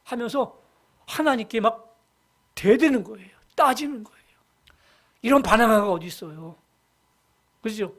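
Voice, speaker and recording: A senior pastor preaching a Sunday sermon in a church, retelling a Bible story and swinging between loud emphasis and hushed asides. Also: mid-range voice, expressive, normal speed, long pauses. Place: church sanctuary.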